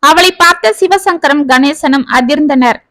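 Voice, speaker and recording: A woman narrating a family story in an expressive, steady storytelling style. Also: sits high, moderate pace, no echo.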